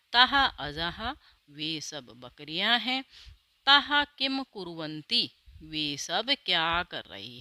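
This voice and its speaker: A woman teacher, explaining a Sanskrit lesson, reading each word slowly and carefully and then translating it. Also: sits low, pushed and bright, dry recording.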